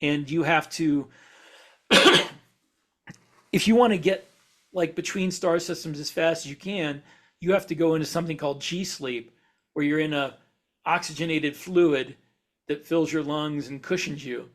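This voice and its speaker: There are long pauses as this man speaks, a little slowly, in a fairly high voice. He is a science fiction author co-hosting a podcast, explaining matters in loose shop talk with sentences that wander and self-correct.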